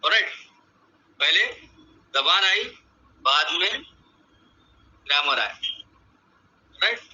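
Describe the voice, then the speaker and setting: A man teaching a class at an unhurried pace, with a high, very bright voice. He keeps checking in with short questions and drills the same phrases again and again. The recording is dull and lo-fi. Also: lively intonation. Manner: repeats drill phrases over and over. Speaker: English teacher. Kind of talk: classroom grammar lesson.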